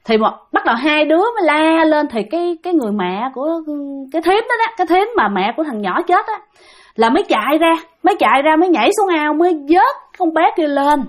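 Woman host, Southern Vietnamese accent, high voice; chatty ghost-story teller who talks straight to her listeners. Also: animated, fast talker. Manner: chatty, keeps addressing listeners directly. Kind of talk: casual ghost-story telling.

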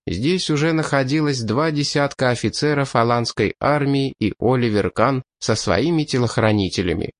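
A man narrating an audiobook in a steady, measured reading voice. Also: medium pitch, dry recording, clean studio sound.

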